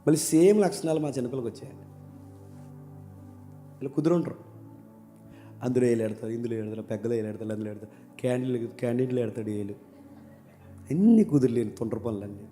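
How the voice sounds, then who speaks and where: A man preaching a sermon, talking casually and then rising into loud, emphatic questions. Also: medium pitch, quick pace, pauses often. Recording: long hall reverb with faint music.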